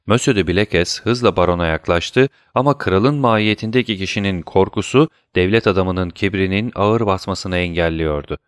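A man narrating a classic novel in a measured, scripted reading. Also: low voice, clean tone, dry recording, studio quality. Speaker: audiobook narrator.

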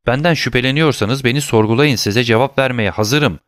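A man's voice: mid-range voice, a little fast, a bit bright, no room sound, clean studio sound, voice pushed up, natural voice. A man voicing an earnest, anxious young male sailor being questioned, speaking in a pleading, eager-to-please way.

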